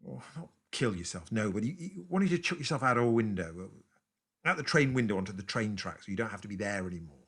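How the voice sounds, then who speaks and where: A man's voice: fairly low pitch, expressive, fast, fairly bright tone, husky, exaggerated voice. An actor playing a man with a London accent who tells his partner a story in a rambling, distracted way in a naturalistic stage drama. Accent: London English. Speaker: actor in a two-hander play.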